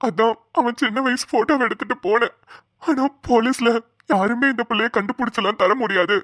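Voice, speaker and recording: A woman's voice: fairly high pitch, fairly quick, fairly bright tone, dry recording, clean studio sound. Woman voicing a grieving cartoon father. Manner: tearful, despairing pleading. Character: grieving middle-aged father missing his lost son. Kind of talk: cartoon voice acting.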